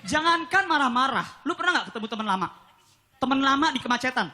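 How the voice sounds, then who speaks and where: A man's voice: extremely high pitch, quick pace. A man doing a stand-up comedy routine on a TV studio stage, telling stories and acting out quoted voices. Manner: animated storytelling, acts out quoted voices, laughs along. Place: TV studio stage with live audience. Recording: live studio audience and room noise.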